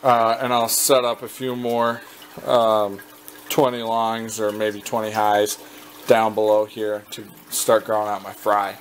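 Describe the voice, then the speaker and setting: A man from the American Midwest giving a casual, halting walkthrough of his basement fish tanks, full of fillers and restarts, recorded on a handheld camera. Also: fairly low pitch, monotone, a little hiss or hum. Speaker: fish breeder vlogger. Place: basement fish room, indoors.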